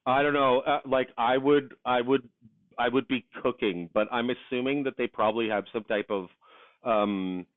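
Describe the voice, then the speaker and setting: A man who is a podcast guest, chatting casually and hesitantly with many pauses and restarts, over a remote call. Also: mid-range voice, steady tone, no room sound. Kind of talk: casual chat. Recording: tinny phone-like line.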